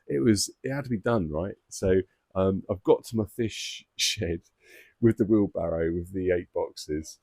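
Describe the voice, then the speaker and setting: A man with a deep, low voice talks to camera like he's telling mates a story on himself. He's chatty and self-mocking and laughs along as he goes. The recording is close and dry, with no room sound. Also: measured pace, darkish tone, dry recording. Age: adult father of two boys. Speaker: koi-keeping vlogger.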